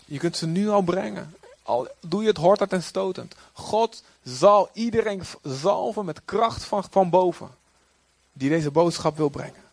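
Man, sermon, animated delivery, slightly high pitch, dry sound. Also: unhurried, gravelly, dry recording. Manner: lively, acts out quoted prophets in raised voice. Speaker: preacher.

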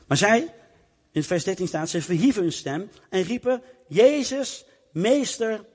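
A man preaching a sermon, telling a Bible story in a lively way and acting out its people. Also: high-pitched, normal speed, slightly rough. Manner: lively storytelling, acts out the characters. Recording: long reverb of a hall.

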